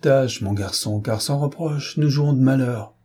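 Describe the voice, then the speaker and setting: A man voicing a calm, unflappable gentleman traveller who speaks placidly. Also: medium pitch, unhurried, a little hiss or hum, pitched above the performer's own voice, close to an everyday voice. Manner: placid, unruffled.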